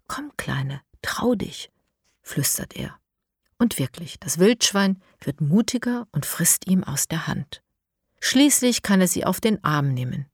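Slow, low-pitched woman reading a children's book. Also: slightly rough, dry recording, studio quality. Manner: calm, measured. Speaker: narrator.

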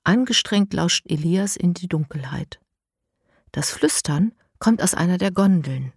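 A woman narrating a children's storybook in a clear, even reading voice. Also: fairly low pitch, a little slow, dry recording, studio quality.

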